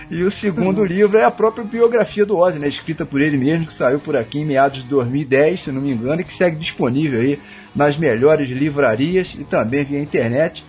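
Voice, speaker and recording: A man's voice: a little high, darkish tone. A man with a Brazilian accent hosting a radio show, chatting casually and often adding "né?". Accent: Brazilian Portuguese. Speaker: radio host. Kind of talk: casual radio chat about rock music. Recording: slightly dull radio sound.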